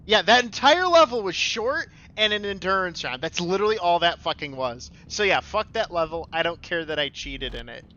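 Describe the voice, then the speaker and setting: A man's voice: high-pitched, sing-song, moderate pace, hardly any pauses, bright, forceful tone, muffled recording. A young man streaming a shooter game, complaining and swearing as he plays. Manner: profane, complaining, sardonic. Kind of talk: casual gameplay commentary.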